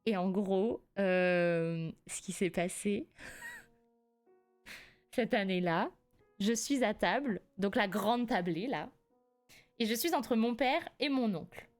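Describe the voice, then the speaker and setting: A young woman from France in her twenties, streaming live and telling a family story in a casual, animated way, laughing often. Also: mid-range voice, slow pace, long pauses, soft background music. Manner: animated, laughs often, rises sharply when indignant.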